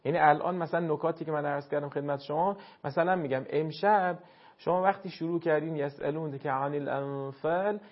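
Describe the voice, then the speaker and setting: A man's voice: on the high side, steady tone, highs cut off. A man teaching Quran recitation on air, giving a caller formal, courteous and instructive feedback.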